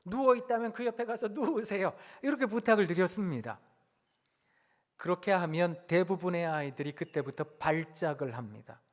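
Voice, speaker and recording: A male guest preacher giving a conversational, gently humorous sermon and acting out quoted speech. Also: high-pitched, normal speed. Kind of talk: sermon at an evening worship service. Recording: long reverb of a church hall.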